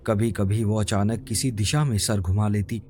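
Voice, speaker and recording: Male horror storyteller, low mellow voice, slow and grave. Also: fairly even intonation, a little hiss or hum. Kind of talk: scripted horror story narration.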